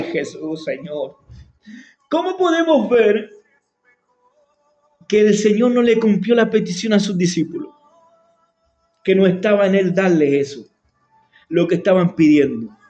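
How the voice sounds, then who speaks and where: A man with a Chilean Spanish accent delivers a sermon in a high voice. He speaks slowly and fervently, repeating phrases and letting his pitch swing up and down. The recording sounds a little dull. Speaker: preacher.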